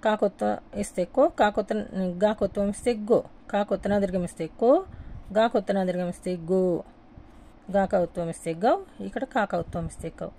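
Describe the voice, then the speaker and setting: A woman giving a patient, step-by-step writing lesson, explaining slowly and repeating each step as she writes. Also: medium pitch, dark tone. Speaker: teacher.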